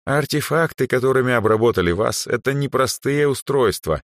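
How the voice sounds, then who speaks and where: A man's voice: medium pitch, expressive, fairly quick, dry recording, clean studio sound, voice pushed up, close to an everyday voice. A man voicing an aging male archmage who sighs, lectures and sometimes snaps in anger. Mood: rueful. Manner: sighing, lecturing, flares into anger. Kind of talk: audiobook character voice.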